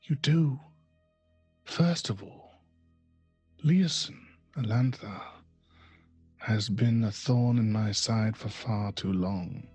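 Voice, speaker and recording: A man's voice: lowish voice, slow pace, pauses often, mellow, husky, no room sound, faint music behind. A man voicing a cold, menacing female cult leader in a tabletop game, silky and threatening.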